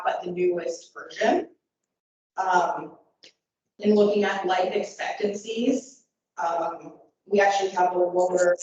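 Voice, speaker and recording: A woman presenting at a meeting over a garbled, unclear call line, halting with many ums. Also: on the low side, darkish tone. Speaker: harbor staff presenting a budget. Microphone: remote call. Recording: echoey, distant, muffled, noisy call line.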